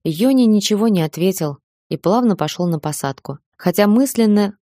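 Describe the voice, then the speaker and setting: A woman narrating an audiobook in a steady, measured reading voice. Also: medium pitch, no room sound, studio quality. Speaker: audiobook reader.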